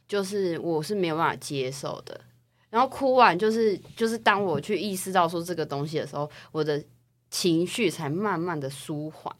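A young woman from Taiwan, co-hosting a casual podcast chat and telling personal stories in a chatty, animated way. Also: mid-range voice. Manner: chatty, animated storytelling with rising excitement. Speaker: podcast co-host.

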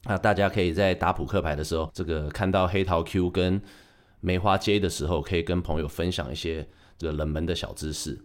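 A low-pitched man with a Taiwanese Mandarin accent talks through his podcast in a relaxed solo chat. He keeps it light with joking asides and corrects himself as he goes. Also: a little fast. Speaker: podcast host. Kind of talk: casual solo podcast talk.

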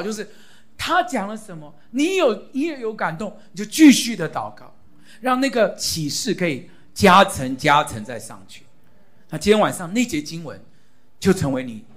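Animated pastor with a lively, rising voice. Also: male voice, a little high. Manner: animated, exhorting, repeats key phrases loudly to the congregation. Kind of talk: sermon teaching on prayer.

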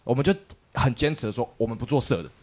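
A man telling a story as a podcast co-host, animated and acting out the people in it. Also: mid-range voice, quick pace, slight background noise. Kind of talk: casual storytelling chat.

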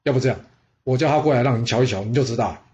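A man playing a loyal adviser, easygoing friendly tone, mid pitch. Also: very fast, darkish tone, dull audio, lightly acted.

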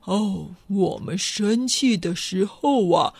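A woman voicing a big blustering male rhino in a storybook, slow and gruff. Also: mid-range voice, a little mellow, dry recording, voice pushed down. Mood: boisterous.

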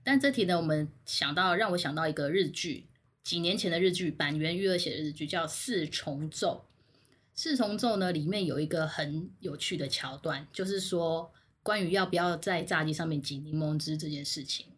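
A woman's voice: low-pitched, moderate pace, husky. A woman co-hosting a casual podcast, steering the talk with questions. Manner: leads with questions, steers the topic. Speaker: podcast co-host.

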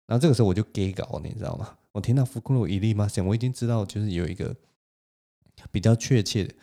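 A man hosts a solo podcast and tells a story in Taiwanese-accented Mandarin. His voice sits on the low side and sounds dark and mellow. He keeps the telling lively and breaks into small laughs along the way. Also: fast talker. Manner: animated, laughs between lines. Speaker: podcast host.

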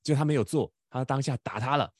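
A man's voice: medium pitch, fast talker, darkish tone, dry recording, studio quality. A man, hosting a podcast and telling a personal story in casual chat, often restarting words and laughing as he talks. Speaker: podcast host.

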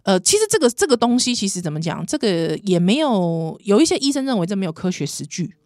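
Brief: Taiwanese woman, thirties, pregnant podcast co-host, animated storyteller, dry close sound. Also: mid-range voice, fast talker, no room sound. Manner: laughs often, animated storytelling, slips into Taiwanese. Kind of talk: casual chat.

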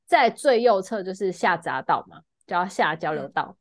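A woman with a Taiwanese Mandarin accent co-hosting a podcast, telling a story in casual chat and loudly acting out the people in it. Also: medium pitch, normal speed, dry recording, studio quality. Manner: animated storytelling, loudly acting out shouting passengers. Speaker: podcast co-host.

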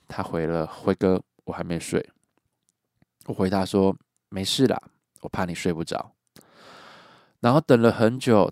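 A man's voice: lowish voice, darkish tone, dry recording, clean studio sound. A man hosting a podcast, bluntly telling a creepy true story and swearing casually.

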